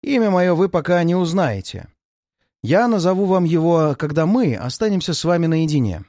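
Audiobook role: a man playing an unflappable detective, calm, firm and measured, lively in tone. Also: a little high, no echo, clean studio sound, pitched above the performer's own voice. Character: calm, resolute male detective.

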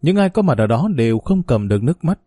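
Calm guy reading a story aloud, mellow, dry close sound. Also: mid-range voice, quick pace, no room sound. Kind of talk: scripted story narration.

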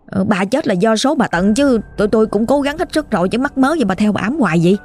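A woman's voice: on the high side, expressive, quick pace, a little mellow. A woman with a Southern Vietnamese accent quoting a fed-up middle-aged male ambulance driver who scolds bluntly. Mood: scolding.

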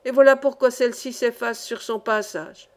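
A woman voicing a learned, genial older engineer who explains science in measured sentences in a read-aloud novel. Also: a little high, steady tone, lightly acted. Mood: instructive. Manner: instructive, measured.

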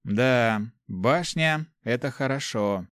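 A man voicing a calm young man who answers thoughtfully. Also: mid-range voice, no room sound, studio quality. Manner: thoughtful, measured.

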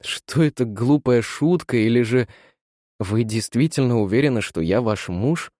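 A man playing a bewildered, proud young gentleman, who speaks in a measured, ironic way in a read-aloud story. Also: medium pitch, no echo, studio quality, natural voice. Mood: tense.

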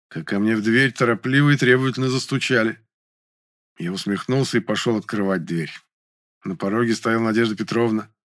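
A male audiobook narrator with a fairly low voice. He tells the story in the first person with a wry, ironic manner.

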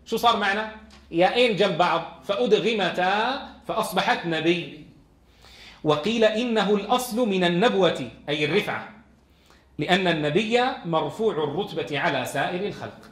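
A man's voice: high voice, fairly quick, a bit bright, echoey room. A man teaching a Quran lesson in a classroom. He reads from a text and explains it, asking his students questions.

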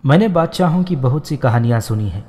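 A man's voice: mid-range voice, expressive, warm tone, lightly acted. A man reading the lines of an innocent, playful young woman in a storybook, in a simple, artless manner. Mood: earnest. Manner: simple, artless speech with quick wit. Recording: long hall reverb.

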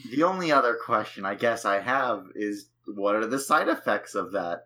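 A man's voice: fairly low pitch, lively intonation, moderate pace, pushed and bright. A man playing a tabletop game, talking bluntly and jokingly. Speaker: player. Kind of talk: casual tabletop play.

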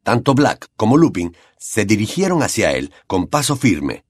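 Male audiobook narrator with a Latin American accent, low and animated, dramatic delivery. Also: moderate pace, dry recording, studio quality. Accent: Latin American Spanish. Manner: dramatic, expressive reading.

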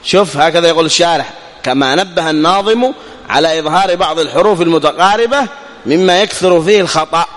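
A man teaching a tajweed lesson, explaining step by step, asking questions and answering them himself, and reciting his examples slowly and drawn out. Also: a little high, fairly bright tone, big-room sound.

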